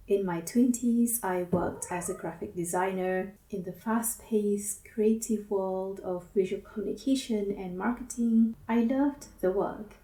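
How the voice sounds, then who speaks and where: A woman, a counselor speaking in a gentle, measured, introspective personal monologue. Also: medium pitch. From Singapore. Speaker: counselor and academic advisor. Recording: roomy echo, mic at a distance.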